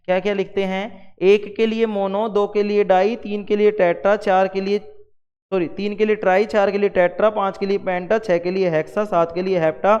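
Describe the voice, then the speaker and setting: A man's voice: high voice, flat delivery, normal speed, a little mellow, clear, resonant tone, in a large hall, highs cut off. A man teaching a revision lesson at the board, repeating terms and quizzing the class with questions.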